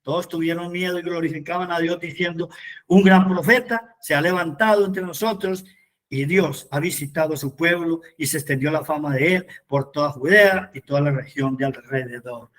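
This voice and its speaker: A man leads a Bible study as its preacher. His voice sits high for a man. He moves between reading scripture aloud and fervent appeals to the people listening. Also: moderate pace, a bit bright.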